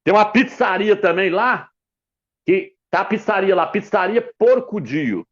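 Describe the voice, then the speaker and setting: A man's voice: high-pitched, expressive, measured pace. A middle-aged man, teaching the Bible emphatically as a preacher, repeating his points and speaking straight to the viewer. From Brazil. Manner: repetitive, insistent, addresses viewer directly; writes letters out while explaining. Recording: dull lo-fi recording.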